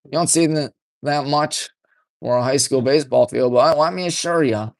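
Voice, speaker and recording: A man doing play-by-play radio commentary for a high school baseball game from a press box, folksy and partisan, keeping his voice deliberately restrained. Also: vocal fry, dry recording, clean studio sound. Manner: folksy, chatty, partisan toward home team; deliberately restrained, hushed delivery.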